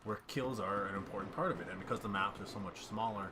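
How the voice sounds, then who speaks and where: Speaking fast in a lowish voice, a young gamer narrates his own play in a wandering, self-mocking way while trying not to cough. The recording is very noisy, with game gunfire and ambient sound plainly heard underneath.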